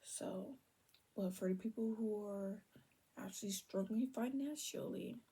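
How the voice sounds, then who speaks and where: A young woman talks viewers through a tarot spread in an unhurried, hushed way, often dropping into soft whispers. Her voice is deeply breathy and husky, with a gravelly rasp at the ends of phrases and a mellow, dark tone. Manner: drifts between low talk and soft whispers, trails off; holds her voice down on purpose. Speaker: tarot reader. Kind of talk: casual tarot reading to viewers.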